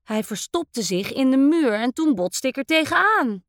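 A woman voicing an excited little boy at bedtime, eager and bright. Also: high voice, moderate pace, dry recording, clean studio sound, pitched above the performer's own voice.

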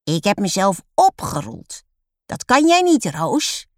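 A woman voicing a young girl, a quick-tempered little sister who talks in a shrill, whiny way. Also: big pitch swings, dry recording, clean studio sound. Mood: indignant.

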